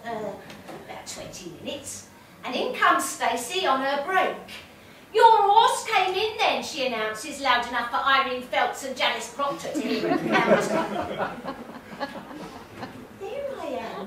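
An actress giving voice to a genteel old spirit medium, high and sing-song, telling her tale at an unhurried pace. She is fussy, gossipy and quietly amused at herself. The voice comes from a distance in a very echoey, noisy room. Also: exaggerated voice. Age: older. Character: chatty, genteel older female medium. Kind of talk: stage monologue.

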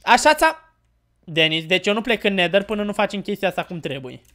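A woman streaming a game live, chatting loudly and casually, teasing and laughing often. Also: medium pitch, sing-song. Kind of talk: casual live gameplay chat.

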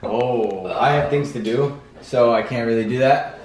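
A man's voice: mid-range voice, a little slow. A teenage boy chatting casually and teasing his sister during a family question session. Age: teens. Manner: teasing, joking. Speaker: son answering questions. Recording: echoey room with faint noise.

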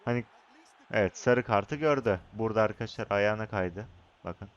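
A young man commentating his own football video game match, excitable, shouting at his players and chatting to viewers. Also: fairly low pitch, normal speed, highs cut off. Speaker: gaming YouTuber.

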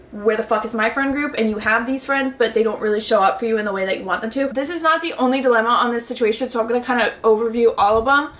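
A slightly high female voice comes from a young woman in her twenties, chatting bubbly and casual to a camera in front of her as she sits in her bedroom. She reads viewers' messages aloud and gives advice, swearing offhandedly and leaning on "like," and the room sounds echoey.

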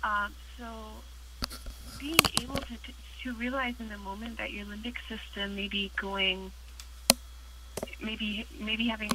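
A woman's voice: mid-range voice, fairly even intonation, unhurried, very noisy. A woman explaining things patiently in casual conversation, her voice echoing over a call line. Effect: echoing call audio.

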